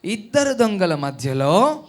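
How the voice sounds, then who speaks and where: A man leading children in a call-and-response worship song at a children's Bible school, coaxing them to repeat each line louder. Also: high voice, big pitch swings, slow, some chatter behind, a little hiss or hum.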